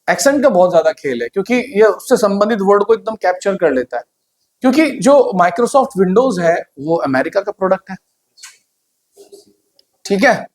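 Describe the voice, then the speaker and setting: Male teacher, high voice, chatty classroom lecture full of questions to students. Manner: conversational, asks the class questions. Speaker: computer hardware teacher.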